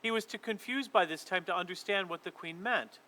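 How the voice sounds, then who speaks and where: A man leading a children's church session and reading a storybook aloud in a lively, expressive way. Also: sits high, fairly quick, rough recording.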